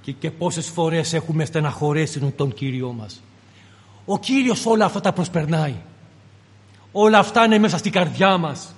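A man's voice: a little high, long reverb tail. A man preaching a sermon with a fervent, pleading delivery.

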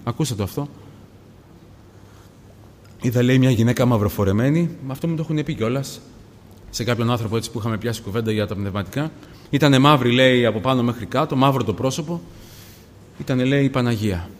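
A man's voice: medium pitch, pauses often, slight background noise. Man preaching in a long-reverb hall. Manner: addresses the congregation as brothers again and again, swings from hushed to loud. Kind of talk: sermon.

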